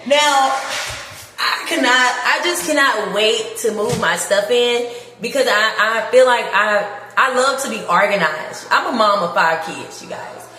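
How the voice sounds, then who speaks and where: A woman's voice: on the high side, a little slow, pushed and bright. A woman chatting on a livestream as she shows her new apartment, heartfelt and often laughing. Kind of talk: casual livestream chat. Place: empty apartment rooms. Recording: echoey empty rooms with long reverb.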